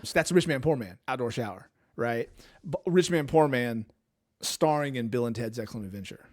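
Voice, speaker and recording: A man's voice: mid-range voice, lively intonation, fairly quick, darkish tone. A man hosting a casual movie trivia game with his brother, talking playfully and quoting lines. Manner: playful, quotes lines in put-on voices. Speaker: host. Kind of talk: casual chat, quiz hosting.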